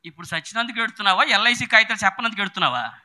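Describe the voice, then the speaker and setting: A middle-aged male preacher, delivering a sermon with sudden shouted bursts and chatty storytelling. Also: sits high, expressive, rapid-fire.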